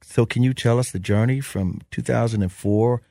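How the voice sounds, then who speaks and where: A man's voice: mid-range voice, normal speed, gravelly, dark tone, no room sound, studio quality. A man hosting a podcast interview, affirming his guest and enthusiastically asking him questions. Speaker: podcast host. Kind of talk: interview conversation.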